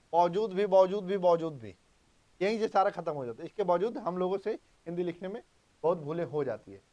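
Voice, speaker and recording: High-voiced man teaching grammar emphatically. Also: dark tone, highs cut off. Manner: emphatic, repeats key points, quizzes students. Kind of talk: exam-prep grammar lesson.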